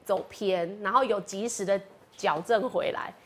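Young woman, warm and chatty. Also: mid-range voice, measured pace. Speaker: guest city councilor. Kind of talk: casual interview chat.

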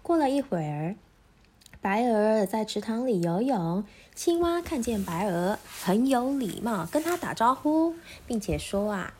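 A woman teacher reading a children's story aloud in a gentle, clearly paced way. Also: on the high side, big pitch swings, a little slow.

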